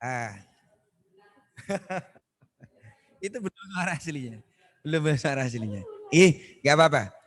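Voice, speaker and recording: A man teaching Quran recitation on a video call, correcting students and demonstrating verses in a slow, drawn-out chant. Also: on the high side, animated. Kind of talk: online Quran recitation lesson.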